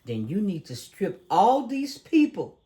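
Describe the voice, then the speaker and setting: A man's voice: high voice, wildly swooping pitch, a little slow, mellow. Guy hosting a talk show, emphatic, kinda preachy, keeps asking leading questions. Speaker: podcast host. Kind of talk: casual conversational commentary.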